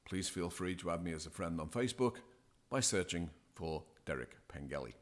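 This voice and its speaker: A man speaking as a podcast guest, giving deliberate, emphatic advice as a DJ coach. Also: low-pitched, lively intonation. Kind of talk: measured, scripted-sounding advice.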